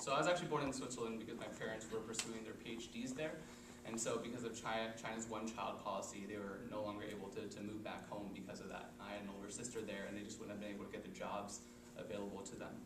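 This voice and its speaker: A young man from Missouri giving a casual political candidate's opening statement, quick and full of fillers. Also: on the low side, flat delivery. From Missouri, USA. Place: meeting chamber. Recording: echoey hall, far off mic, noisy.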